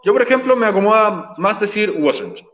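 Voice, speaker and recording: A man's voice: high-pitched, animated, normal speed, fairly bright tone, roomy sound. A man teaching an online English class, patient and encouraging, explaining step by step.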